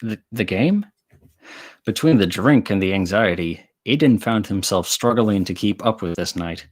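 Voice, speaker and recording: A man reading his own story aloud on a live stream, relaxed, with chatty asides and self-corrections. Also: low voice, normal speed.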